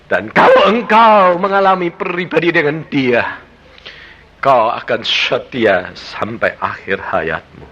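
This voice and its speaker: A man preaching a sermon as an evangelist, with a Javanese-tinged Indonesian accent, telling stories animatedly and swinging from loud exclamations to hushed lines. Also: a little high, slow pace, lo-fi sound. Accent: Javanese-influenced Indonesian.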